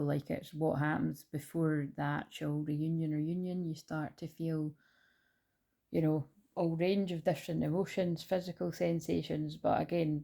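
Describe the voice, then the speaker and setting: Speaking into a handheld phone at home next to her dog, this spiritual-channel host talks casually to camera. Her low-pitched voice has vocal fry and a warm tone, and her talk wanders, full of fillers and false starts.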